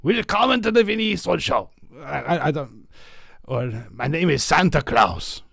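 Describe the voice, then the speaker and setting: A man's voice: a little high, animated, unhurried, creaky, fairly bright tone, no room sound, studio quality, full character voice. A man voicing a stern Santa Claus with a blunt, dismissive manner.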